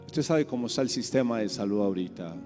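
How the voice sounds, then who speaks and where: A man preaching a sermon as pastor, swinging between quiet asides and loud repeated calls. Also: lively intonation, fast, over music. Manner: preaching with big swings in pitch and volume, repeating key words. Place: church sanctuary. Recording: church hall reverb with soft instrument behind.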